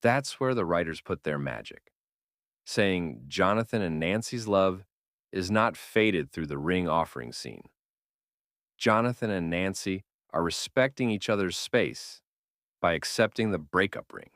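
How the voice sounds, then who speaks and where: A man narrates a scripted video essay in a fairly low voice. His pitch moves around in a lively way, and the recording is dry and close. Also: measured pace, no echo.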